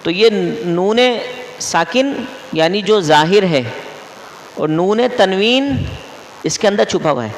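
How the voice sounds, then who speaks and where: This high-pitched, animated male voice, marked by long pauses, belongs to a mufti teaching Quran recitation rules in a mosque. He quizzes the class and repeats every rule, and the hall's echo carries a long reverb.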